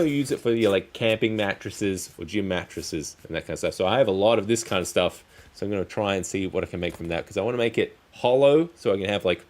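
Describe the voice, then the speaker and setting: A man chatting casually on a hobby livestream as its host, rambling in halting, trailing phrases. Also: on the low side, a little mellow. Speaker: streamer, crafting channel host. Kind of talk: casual livestream chat while crafting.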